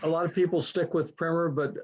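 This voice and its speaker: A man's voice: a little high, steady tone, a little fast, a little mellow. A man moderating a program on a video call, easygoing and hesitant, with many fillers. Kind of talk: casual chat on a video call. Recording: dull lo-fi video call audio.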